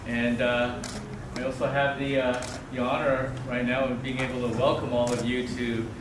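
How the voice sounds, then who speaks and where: A man speaks to a live audience in a halting public welcome speech. His medium-pitched voice comes from some distance in an echoey venue, with heavy noise around it. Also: little pitch movement. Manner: halting, addressing a gathered crowd. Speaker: medical center partner giving opening speech.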